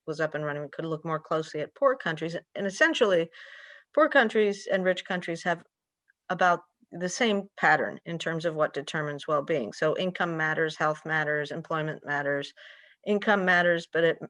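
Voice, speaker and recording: A woman's voice: low voice, a bit bright, no echo, clean studio sound. An older woman from Peru, a guest economist, talking eagerly and at length on a video call from her home, with frequent restarts. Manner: enthusiastic, talkative, frequent restarts. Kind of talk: conversational interview answers. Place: home room with curtains and window.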